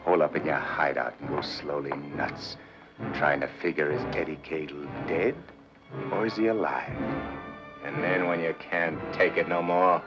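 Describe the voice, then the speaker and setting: A tough, streetwise gangster in an old 1940s film, talking in slang and menace. His voice is extremely deep. Film music plays under a dull, muffled soundtrack. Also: moderate pace. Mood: menacing. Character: tough gangster man in a judge's body.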